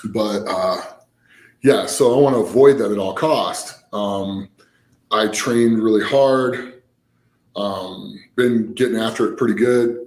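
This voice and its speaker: A man's voice: fairly low pitch, darkish tone. A man chatting casually about his own experiences in a rambling, explanatory way. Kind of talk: casual conversational storytelling. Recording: roomy echo, background noise.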